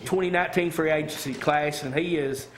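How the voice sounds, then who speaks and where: A man's voice: on the high side, steady tone, fairly quick, slight background noise. A man, giving the local sports report on a morning talk show, upbeat and rattling off scores and sponsors. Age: 50s.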